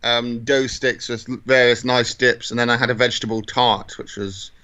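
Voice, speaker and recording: A man's voice: medium pitch, steady tone, normal speed, sharp tone, lo-fi sound. A man with a British accent chatting casually and descriptively as a podcast co-host. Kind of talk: casual chat describing a walk.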